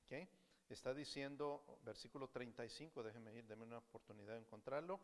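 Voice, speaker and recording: With a mid-range voice and a slightly quick delivery, a male pastor animatedly preaches in the big-sounding space of a church sanctuary. He alternates Spanish and English, restating each point, and often turns questions to the congregation.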